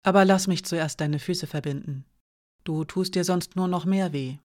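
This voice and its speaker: Woman voicing a quiet, firm protective heroine. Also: on the low side, normal speed, natural voice. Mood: gentle.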